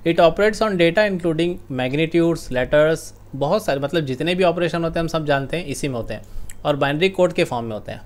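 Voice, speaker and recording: A man teaching a computer class online in Hindi mixed with English, explaining slowly and quizzing his students. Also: fairly high pitch.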